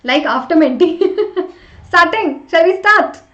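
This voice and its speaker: A woman's voice: very high voice, lively intonation, slow pace, a bit bright. A woman teaching an interactive live online class, chatting with students and urging them along with short repeated prompts. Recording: roomy echo, slightly dull sound.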